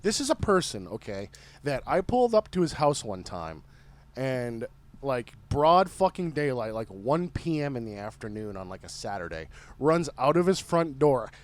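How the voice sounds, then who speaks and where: A man's voice: medium pitch, big pitch swings, normal speed. A man co-hosting a podcast, telling rambling stories in casual chat, laughing often and swearing freely. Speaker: podcast co-host.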